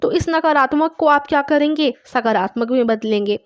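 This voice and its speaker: A woman's voice: high-pitched, normal speed, no room sound, lo-fi sound. A woman teaching a course online, patiently explaining a test step by step with examples and reading words aloud. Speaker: English teacher.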